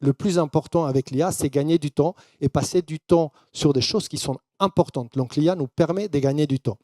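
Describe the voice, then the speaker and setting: A man with a foreign accent in his French, a non-native speaker presenting to a business audience. His voice is slightly high and mellow, with a dry, close sound. He mixes English jargon into his loosely built sentences. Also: a little fast, no room sound. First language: not French. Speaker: conference speaker.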